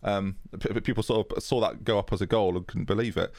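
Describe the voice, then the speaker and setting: A man's voice: on the low side, steady tone, fast talker, a little mellow, no room sound, clean studio sound. A man co-hosting a casual football chat, talking in a chatty way with frequent restarts. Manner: chatty, restarts often with a laugh. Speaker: football podcast co-host.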